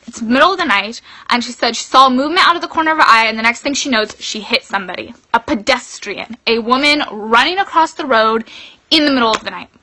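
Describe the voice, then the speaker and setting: A woman's voice: on the high side, fast, pushed and bright. A young woman telling a story in a casual vlog, chatting along with a lot of "like". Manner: chatty, fills with "like". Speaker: vlogger.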